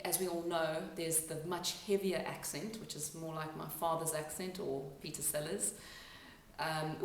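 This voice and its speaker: Low-voiced woman coaching in an echoey room. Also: slight background noise. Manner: explanatory, pauses to demonstrate sounds. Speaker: accent and dialect coach. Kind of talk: instructional talk to camera. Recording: echoey room, mic at a distance.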